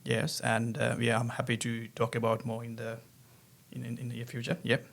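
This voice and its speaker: A man's voice: mid-range voice, completely flat delivery, moderate pace, vocal fry, a bit bright. A man with a Sri Lankan accent, an accountant talking on a podcast, hesitant with many fillers. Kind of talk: casual podcast chat.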